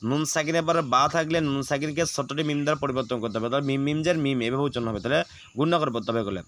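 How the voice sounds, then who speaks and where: A man teaching Quran recitation, explaining rules quickly and then reciting words slowly and drawn out. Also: medium pitch. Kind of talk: spelling-out recitation lesson.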